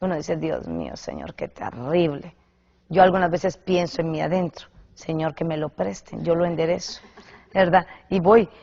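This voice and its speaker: Husky creaky-voiced woman preaching. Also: on the low side. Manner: emphatic, repeats words for stress. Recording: slightly muffled lo-fi recording.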